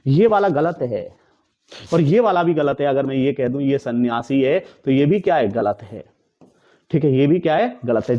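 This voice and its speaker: This is a male teacher with a fairly high, warm voice running an exam-prep spelling lesson. He poses rhetorical questions to the class, answers them himself, and says each word several times with strong emphasis.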